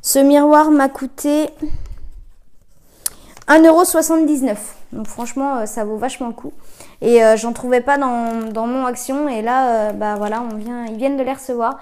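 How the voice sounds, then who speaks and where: Woman, high voice, casual haul vlogger; hesitant, filler-heavy, self-correcting delivery; phone-camera sound. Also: steady tone, normal speed, darkish tone. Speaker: vlogger reviewing discount-store buys. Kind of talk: casual chatty product haul.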